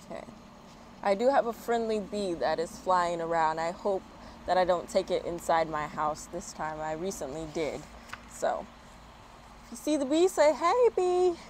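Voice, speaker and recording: An American woman hosts a children's story time outdoors in a yard, reading aloud expressively and chatting in a friendly way. Her fairly low, darkish voice has lively intonation at normal speed. A small external microphone picks up street work, traffic and outdoor ambience.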